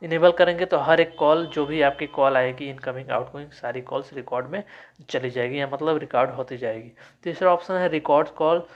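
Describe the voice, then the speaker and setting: A man's voice: fairly high pitch, steady tone, a little fast, lo-fi sound. Man walking through phone settings. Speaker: tech tutorial host. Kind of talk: screen-recorded phone settings walkthrough.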